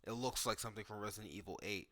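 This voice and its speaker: Here a man's fairly low, bright voice races along with real force as he comments off the cuff on a video game. He's a gaming creator reacting to cutscenes and play, musing casually and leaning heavily on "like."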